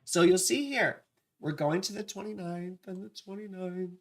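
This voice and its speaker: At a medium pitch and moderate pace, an astrology livestreamer with dry, parched vocal fry chats informally with the audience, playfully scattered and prone to breaking off for affectionate asides.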